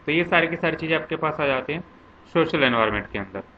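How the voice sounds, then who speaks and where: A man's voice: on the high side, lively intonation, fast. A man teaching commerce, walking through concepts in a lecture with lists and examples. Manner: explains step by step with many examples and lists. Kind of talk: classroom lecture. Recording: slightly dull lo-fi with faint noise.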